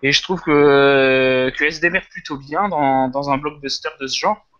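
A man with a French accent giving his views in a casual film review chat, measured and hesitant. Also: mid-range voice, sharp tone, highs cut off.

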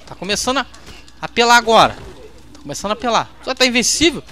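A man with a Brazilian accent giving excitable, trash-talking commentary while playing a fighting game. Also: very high-pitched, fast talker. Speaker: gameplay host. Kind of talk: let's-play commentary.

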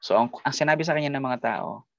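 Gravelly Filipino man teaching Bible study. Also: mid-range voice, fast talker, dry recording, highs cut off. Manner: explains with frequent tag questions and mixes English into Tagalog. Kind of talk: online Bible study lesson.

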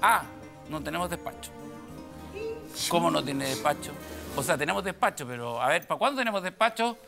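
A man's voice: a little high, moderate pace, gravelly. Chilean guy in his middle years spinning a comic story, voice jumping all over, acts out the other people, music under it. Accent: Chilean Spanish. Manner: animated, acts out dialogue and sound effects. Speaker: comedian guest. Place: TV studio.

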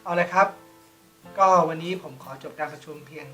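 A woman's voice: fairly low pitch, brisk, fairly bright tone, faint music behind, lightly acted, low-quality recording. A woman playing a polite, formal male company president in an online short drama. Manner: formal and polite, addresses staff courteously.

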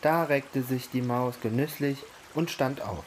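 A man reading a picture book aloud to children in a slow, gentle and expressive way. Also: mid-range voice, slight background noise.

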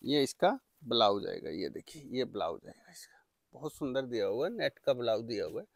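A man presenting products for sale in an eager, repetitive teleshopping-style pitch. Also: sing-song, brisk, vocal fry. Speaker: saree seller presenting products. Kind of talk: product sales demonstration.

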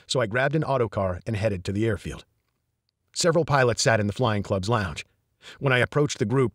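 A man reading a first-person thriller audiobook in an even, measured storytelling manner. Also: on the low side, no room sound, studio quality. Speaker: audiobook narrator.

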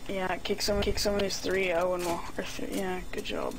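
A woman's voice: on the low side, little pitch movement, brisk. A woman calling out plays and chatting bluntly with teammates during an online game. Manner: blunt, offhand callouts. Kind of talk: casual gaming chat over voice call. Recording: noisy voice chat line.

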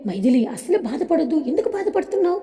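A woman's voice: high voice, sing-song, fast talker, mellow, in a large hall, voice pushed up. A woman voicing a jealous, scheming young man who puts on a sweet act in a storybook audio drama. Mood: sly. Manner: two-faced, sugary then threatening.

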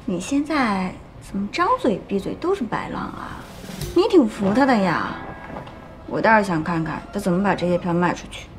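A woman's voice: medium pitch, animated, moderate pace, slight background noise, close to an everyday voice. A woman acting in a TV drama, speaking in a worried, questioning way. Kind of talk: TV drama dialogue.

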